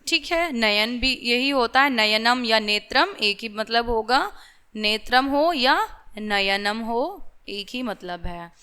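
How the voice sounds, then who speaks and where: A woman's voice: on the high side, bright, forceful tone, smooth. A woman teacher going through a vocabulary list for young children, saying each word several times, asking "theek hai" again and again and mixing in English words.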